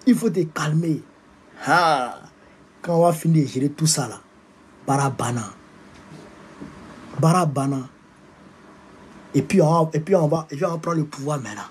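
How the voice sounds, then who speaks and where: A man's voice: a little high, normal speed, pauses often, a little hiss or hum. A man with an Ivorian French accent, ranting at political opponents in a combative, insulting and repetitive way. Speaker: political activist. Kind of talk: political rant to camera.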